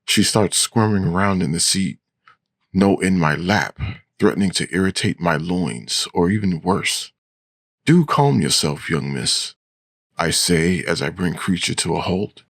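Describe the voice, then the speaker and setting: Deep gravelly gothic horror narrator. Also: male voice, measured pace, no room sound. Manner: formal and courtly. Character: centuries-old male vampire, composed and menacing. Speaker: audiobook narrator.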